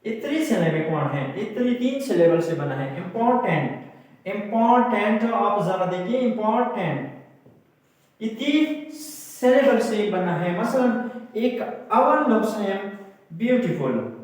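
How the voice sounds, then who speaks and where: A man's voice: high-pitched, expressive, a little slow, a little mellow. A male English teacher giving a classroom-style grammar lesson, repeating and stretching out words to stress their syllables while he writes on a board. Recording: very echoey room.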